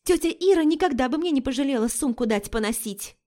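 A woman's voice: high voice, expressive, darkish tone, pitched above the performer's own voice. A woman voicing a brash, flighty young woman friend who talks in slang and takes offense easily. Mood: chatty, cheeky. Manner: chatty and slangy, quick to take offense.

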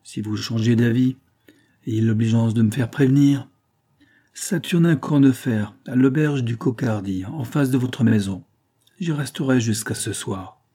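A man reading a sly, wheedling schemer with an ingratiating tone, in a low, husky voice. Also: measured pace, dark tone. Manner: oily, ingratiating.

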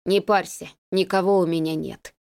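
A woman voicing a man who fakes a hoarse, rough, sick voice, speaking curtly. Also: on the low side, fairly even intonation, moderate pace, darkish tone. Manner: gruff, curt, hoarse.

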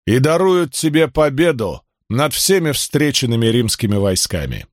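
A man's voice: medium pitch, sing-song, normal speed, no room sound, clean studio sound, lightly acted. A man reading an audiobook, voicing a bold male rebel leader who speaks emphatically to his followers. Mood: rousing. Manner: rousing, emphatic.

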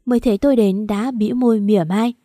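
A woman's voice: fairly high pitch, steady tone, fast talker, mellow, dry recording, clean studio sound. A woman narrating a first-person story, telling it plainly and lifting her voice a little for the quarrels.

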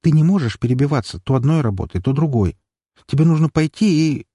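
Guy doing a bossy older sister in an audiobook, lecturing, raised a bit higher, husky and dry. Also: expressive, a little fast, mellow, dry recording. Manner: reproachful, lecturing. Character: stern caring young adult older sister.

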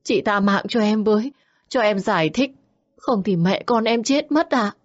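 A woman's voice: medium pitch, expressive, unhurried, muffled recording, voice pushed up. A woman voicing a frightened young mother who stammers and begs tearfully. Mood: pleading.

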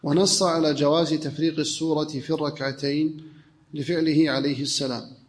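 A male student reading a classical text aloud in a steady, recitation-like manner. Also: fairly high pitch, a little fast.

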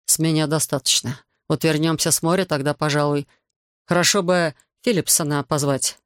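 A man voicing a calm, wry official. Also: on the high side, normal speed, smooth, no room sound, clean studio sound, close to an everyday voice. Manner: even, quietly ironic. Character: calm, wry male official, sober and composed.

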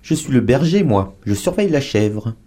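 A loyal male cheetah from a storybook tale, worn out and a little sad, as a man voices him. His voice is dark and mellow, rising and falling with feeling. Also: mid-range voice, very animated, moderate pace, slightly rough. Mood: weary. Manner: dignified, weary, a little sad. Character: loyal, tired male cheetah, proud guardian.

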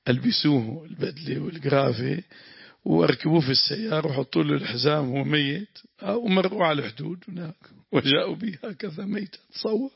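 Sheikh, gravelly husky voice, lesson with prayers, dull lo-fi sound. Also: male voice, on the high side, dry recording. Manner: explains grammar, breaks into prayers. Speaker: sheikh teaching tafsir. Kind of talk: religious lesson with supplications.

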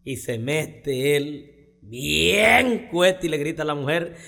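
A man's voice: fairly high pitch, animated, takes it slowly, creaky, bright, forceful tone. A man from Costa Chica, Mexico, telling bawdy jokes in a boisterous way, with a Costa Chica Mexican accent. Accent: Costa Chica Mexican Spanish. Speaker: comedian. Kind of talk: comic joke telling. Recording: reverberant recording with salsa music.

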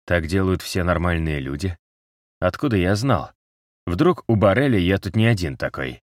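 A man doing a sneering wounded captive in an audiobook, raised above a deep reading voice, lazy and unrepentant. The sound is dry and close, with no room around it. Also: expressive, normal speed, dry recording. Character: mocking wounded male captive, jaw wired. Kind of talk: audiobook character voice.

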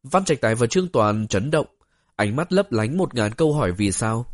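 A man reads a story aloud at a middle pitch, steady and even. His voice is close and dry, with no room sound at all. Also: moderate pace, dry recording. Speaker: audiobook narrator. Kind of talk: storybook narration.

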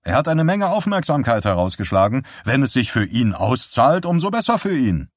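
A man's voice: mid-range voice, sing-song, moderate pace, no room sound, studio quality, voice pushed up. A man voicing a cheerfully condescending middle-aged husband in an audiobook, jovial and patronizing. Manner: jovial, patronizing, barking laugh. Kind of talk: audiobook character reading.

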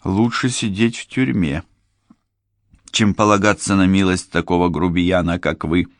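A man reading an audiobook voices a proud young woman painter with cold, cutting replies, a bit higher than his own low, gravelly voice. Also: sing-song, measured pace, dry recording, studio quality, full character voice. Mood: scornful. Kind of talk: audiobook character voice.

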